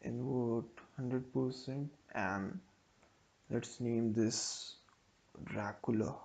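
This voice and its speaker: Slow, gravelly man explaining code. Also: medium pitch, fairly even intonation, darkish tone. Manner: slow, thinking aloud while typing code. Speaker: coding tutorial host. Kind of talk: screencast coding tutorial.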